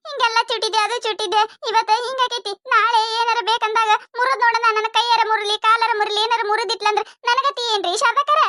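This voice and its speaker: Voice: very high-pitched, fairly even intonation, quick pace, few pauses, bright, forceful tone. A voice actor playing a wailing, complaining village vegetable seller with a North Karnataka accent in a cartoon comedy.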